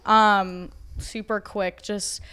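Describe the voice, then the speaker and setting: Female podcast co-host, relaxed and chatty, conversational tip-sharing delivery. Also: medium pitch, extremely slow, smooth. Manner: chatty, easygoing tip-giving. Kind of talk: casual podcast chat.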